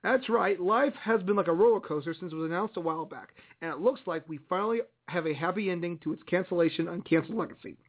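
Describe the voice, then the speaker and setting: A man's voice: high voice, quick pace, hardly any pauses. A man hosting a radio show with casual, chatty news commentary, musing aloud as he goes. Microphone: internet radio broadcast. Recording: tinny, phone-like internet radio sound.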